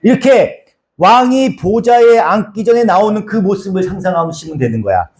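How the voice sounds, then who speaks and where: A man's voice: sits high, animated, moderate pace, darkish tone. A man preaching a sermon in a conversational, repetitive style, acting out quotes as he explains scripture. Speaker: pastor.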